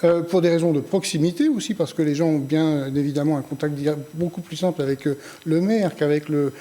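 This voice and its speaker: A man's voice: a little high, brisk, dark tone. A local party president arguing his side in a televised political debate, correcting how the question was framed. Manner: argumentative, correcting the opponent's framing. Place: local TV studio.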